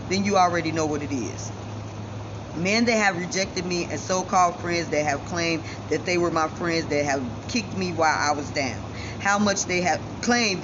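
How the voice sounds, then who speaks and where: A woman from giving a defiant, self-assured personal monologue straight to viewers, her speech shaped by missing front teeth. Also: lowish voice. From Chicago, United States. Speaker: vlogger. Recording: dull lo-fi sound, loud ambient noise.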